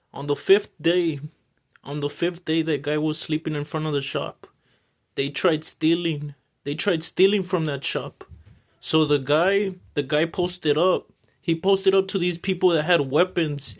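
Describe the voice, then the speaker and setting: A man's voice: on the high side, fairly even intonation, measured pace. A man telling a story casually, rambling, with many restarts and fillers.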